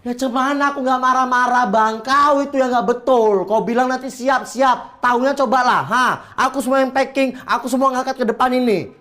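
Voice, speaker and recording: A woman with a Medan accent playing a sharp-tongued, bossy middle-aged woman who scolds and complains bluntly. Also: sits high, fairly even intonation, moderate pace, hardly any pauses. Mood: irritated. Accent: Medan Indonesian. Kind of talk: comedy web drama acting.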